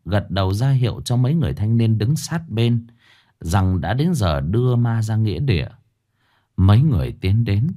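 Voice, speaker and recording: A man's voice: lowish voice, mellow. A man narrating a horror story in a dramatic, scripted style with swinging intonation.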